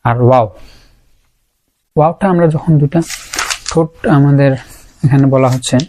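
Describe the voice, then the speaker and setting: A man's voice: medium pitch, normal speed, dark tone, slight background noise. A man teaching Quran pronunciation in a lesson, patiently repeating each sound to show it. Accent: Bangladeshi Bengali. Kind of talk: explanatory lesson.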